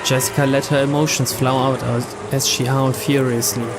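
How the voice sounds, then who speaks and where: A man with a mid-range voice reads quickly in a flat delivery, giving dramatic scripted narration of a visual novel for a let's play. Background ambience noise is clearly audible.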